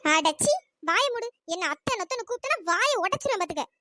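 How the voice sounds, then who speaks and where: A woman's voice: very high voice, big pitch swings, fast, bright, forceful tone, no room sound, clean studio sound, exaggerated voice. A woman voicing a middle-aged aunt in a cartoon story, scolding harshly and throwing insults.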